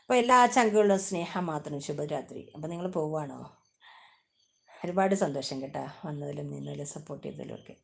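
A woman hosts a casual live stream, talking in a slightly low voice. She chats affectionately with her viewers, calls out their names and teases them as she goes. She keeps coaxing them to tap for likes. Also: fast, gravelly, fairly bright tone. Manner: chatty, greets viewers by name and begs for likes; affectionate, teasing.

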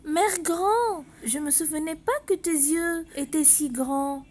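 A woman voicing a timid little girl in a storybook, with a high, childlike, wide-eyed voice. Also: slow, darkish tone. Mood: wondering.

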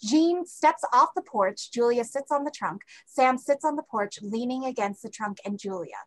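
On a group video call from indoors at home, a woman reads a play's stage directions as scripted narration. Her voice is fairly high and animated, at a normal speed.

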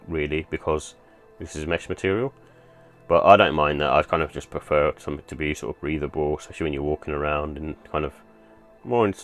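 Very deep-voiced man reviewing sneakers. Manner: rambling, many fillers like "sort of" and "kind of". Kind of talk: casual product review voice-over.

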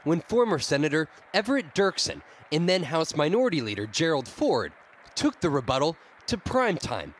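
Lively-voiced male news correspondent. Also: fairly high pitch, moderate pace. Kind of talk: scripted news report narration.

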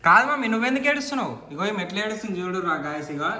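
High, bright Telangana vlogger man, echoey. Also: big pitch swings, very fast. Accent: Telangana Telugu. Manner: repetitive, teasing, laughing questions. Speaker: vlogger host. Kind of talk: casual vlog, coaxing children. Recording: echoey room, distant mic.

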